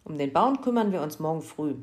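Woman reading as a brisk, firm storybook mother. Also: sits low. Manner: firm, energetic.

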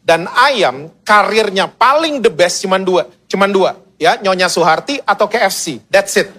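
A man's voice: sits high, lively intonation, moderate pace, pushed and bright. A male pastor preaching a sermon as humorous, slangy storytelling.

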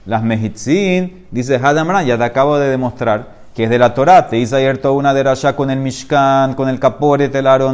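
A man's voice: on the high side, a little mellow. A man teaching a Talmud class. He explains each step, asks and answers his own questions, and lifts his voice sharply to stress key points. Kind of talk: lecture-style Talmud class.

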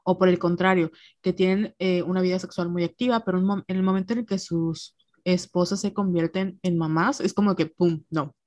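A woman's voice: fairly low pitch, fairly even intonation, a little fast, a little mellow, dry recording. A young woman in casual chat, blunt and acting out the people she quotes.

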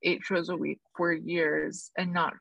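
A young woman co-hosting a casual podcast, talking emphatically in opinionated slang with vocal fry. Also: lowish voice, little pitch movement, measured pace, a bit bright, no echo, rough recording. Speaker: podcast co-host.

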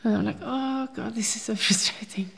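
A slightly high, fairly bright voice with some vocal fry comes from a Norwegian woman in her fifties, speaking at a moderate pace. She chats her way through stories in a casual interview, her Norwegian accent clear, with frequent restarts and laughter.

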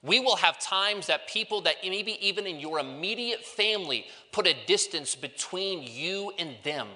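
A male pastor preaching earnestly to students, drawing out key phrases slowly for emphasis. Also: high-pitched, animated, pushed and bright. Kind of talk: sermon. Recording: long hall reverb.

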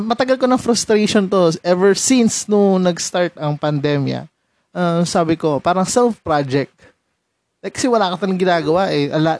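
A man's voice: a little high, a little mellow, no room sound. Chatty young Filipino man, dry mic. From San Mateo, Rizal, Philippines. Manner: chatty, laughs often, switches between Tagalog and English. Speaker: podcast host. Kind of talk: casual podcast chat.

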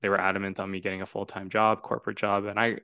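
A man's voice: fairly low pitch, level tone, quick pace, pushed and bright, clean tone, no room sound. A man in his twenties from Toronto, hosting a casual podcast conversation in an earnest, reflective, rambling way. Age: 20s. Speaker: podcast host.

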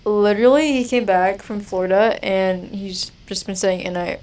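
A woman co-hosting a podcast in casual chat, playful and quick to laugh, mostly chiming in with short reactions. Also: medium pitch, steady tone, a little mellow. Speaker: podcast co-host.

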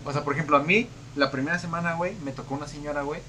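A man's voice: a little high, fairly even intonation, rapid-fire, crowd noise. A man with a Mexican Spanish accent hosting a podcast, telling slangy work stories and acting out the people in them. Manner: slangy storytelling, acts out voices in anecdotes. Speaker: podcast host. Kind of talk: casual chat.

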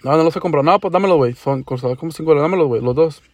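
A man's voice: fairly high pitch, very fast, a little mellow, no room sound. A young man with a northern Mexican border accent tells stories casually on his podcast in profane slang with Chicano-style English mixed in, acting out the dialogue. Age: young adult. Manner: acts out dialogue. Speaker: podcast host.

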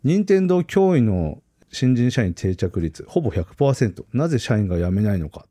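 A man's voice: medium pitch, big pitch swings, moderate pace, warm tone, no room sound, studio quality. A man co-hosting a casual tech podcast, laughing often and telling stories with animation. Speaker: podcast co-host.

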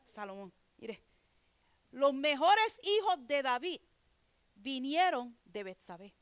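A woman with a high voice preaches a sermon in an easy, conversational way. She keeps checking in with her listeners and reads scripture aloud before explaining it. The sound is close and dry, with no room echo. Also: big pitch swings, slow. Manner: conversational preaching, repeatedly asks "¿verdad?".

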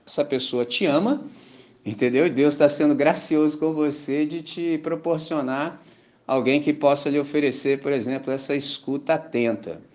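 A man's voice: on the high side, normal speed. A man with a Brazilian Portuguese accent preaching a sermon at a church service, conversational and slangy, often asking his listeners if they follow. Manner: conversational, keeps asking "entendeu?"; slangy and animated. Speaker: pastor.

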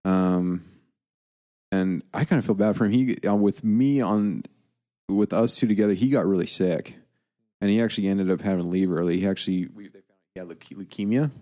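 A man's voice: deep voice, fairly quick, warm tone. A young man casually telling stories about his mission, laughing often as he talks. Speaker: guest. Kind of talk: casual storytelling.

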